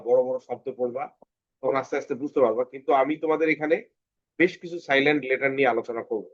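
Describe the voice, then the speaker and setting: A man's voice: fairly high pitch, lo-fi sound. A man with a Bangladeshi Bengali accent teaching a children's phonics lesson, patiently repeating words for the kids to say after him. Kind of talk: online kids' phonics lesson.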